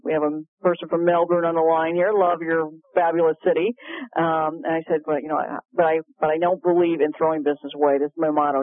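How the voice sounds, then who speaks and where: A woman guest speaker telling a story on a call-in show, animated and quick to laugh. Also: low-pitched, no echo. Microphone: telephone. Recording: tinny phone line, dry.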